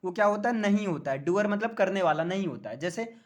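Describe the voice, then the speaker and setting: A man's voice: sits high, lively intonation, fast talker. A man teaching English grammar in a classroom lecture. He jokes often and keeps checking that the students understand.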